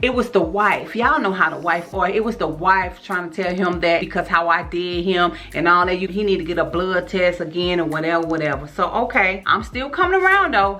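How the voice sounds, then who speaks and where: A woman, telling her life story to her viewers in an animated, slangy way. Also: mid-range voice. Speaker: vlogger. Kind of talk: storytime vlog.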